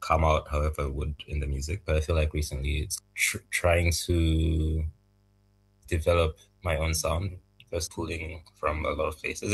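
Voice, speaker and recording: A young man from Zambia, raised in Malawi, answering interview questions about making music in a soft, thoughtful, halting way. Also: extremely low pitch, slightly rough, poor audio. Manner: soft-spoken, thoughtful, halting, laughs lightly. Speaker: music producer, guest.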